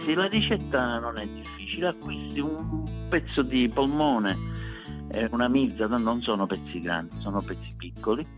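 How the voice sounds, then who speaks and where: Over music, a man with a mid-range voice talks at a normal pace. He's a Sicilian-accented street food cook being interviewed casually, emphatic and fond of repetition to drive a point home, in an echoey room with dull lo-fi sound.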